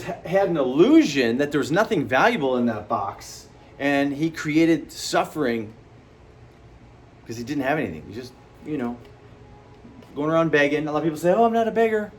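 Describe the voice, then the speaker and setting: A man delivers a motivational talk straight to the camera with a lively, swooping voice. He sits a bit high in pitch and leaps higher still to stress a point or act out someone he quotes. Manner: animated, jumps high for emphasis, acts out quoted people. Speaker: host.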